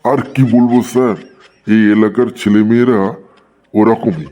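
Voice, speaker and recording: A man's voice: lowish voice, fairly even intonation, moderate pace, warm tone, natural voice. A man voicing a smug village teacher in a cartoon comedy, explaining patiently and with self-assurance. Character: smug male village teacher, sure of his wrong English.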